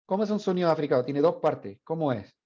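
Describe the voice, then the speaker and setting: A man lecturing a university class, talking his students through the material step by step and checking with questions. His voice sits fairly high but has a mellow, dark color. The classroom recording is dull and lo-fi. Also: lively intonation, fast talker. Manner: explains step by step, asks the class questions, models sounds. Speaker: university Spanish professor.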